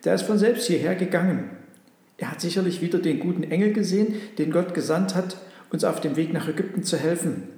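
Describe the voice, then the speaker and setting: A man voicing a calm, faithful traveler who speaks with steady assurance in a storybook reading. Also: a little high, brisk, heavy reverb, pitched above the performer's own voice, close to an everyday voice. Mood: firm.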